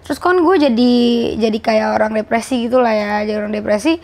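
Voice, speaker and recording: A woman's voice: on the high side, fast, darkish tone. A woman, hosting a candid conversation and reflecting emotionally in informal slang. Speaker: host.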